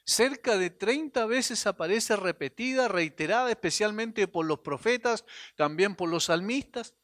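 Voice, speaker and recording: A man preaching a sermon as a pastor, earnest, swinging between emphatic lines and hushed drops, sometimes repeating and restarting phrases. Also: sits high, lively intonation, a little slow, no room sound.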